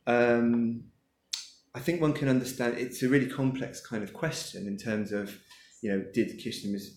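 Before an audience in a lecture room, a man answers questions at the launch of his book, hesitating and filling gaps as he reasons out loud. His mid-range voice is steady, darkish and normally paced, recorded in an echoey space with a faint hiss or hum.

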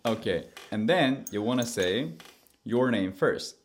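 A man's voice: fairly low pitch, expressive, a little slow. A man, a cheerful influencer guest on a podcast who giggles and jokes easily. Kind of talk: casual podcast interview.

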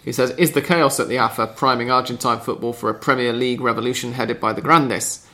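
A man's voice: medium pitch, steady tone, brisk, bright, forceful tone. A man hosting a casual podcast chat, reading out listener questions in a chatty, dry way. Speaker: podcast host.

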